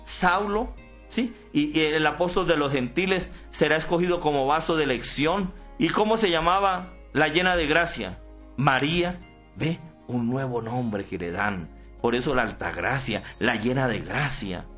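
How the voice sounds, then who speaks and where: Priest guy teaching the bible on a program, keeps asking listeners stuff, muffled sound, soft music in the back. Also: on the high side, moderate pace. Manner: asks the listeners frequent rhetorical questions; explains in a homely, conversational way with simple examples. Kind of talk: broadcast sermon and Bible teaching. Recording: dull lo-fi broadcast with faint music behind.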